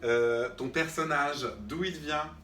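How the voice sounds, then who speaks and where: A man's voice: on the high side, takes it slowly, very noisy. Man playing a drama teacher, exasperated, checks "d'accord?" often, echoey room, distant mic. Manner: patient then irritated, keeps checking with "d'accord?". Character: exasperated male drama teacher scolding unseen students. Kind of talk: comic one-man sketch. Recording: roomy sound, mic far off.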